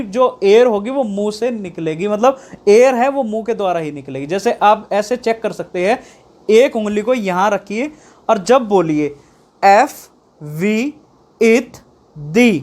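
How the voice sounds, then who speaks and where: A woman's voice: on the high side, a little mellow. A woman teaching a video lesson, stretching out each example sound and checking in often with the listener. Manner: drawn-out sounding of letters, frequent "theek hai" checks. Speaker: shorthand teacher.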